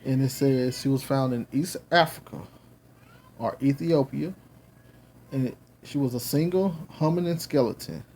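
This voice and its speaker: At home with children and babies nearby, a man with a Southern accent teaches a Bible lesson. He's earnest and rambling, full of fillers, speaking at normal speed in a mid-range, darkish voice with slight background noise.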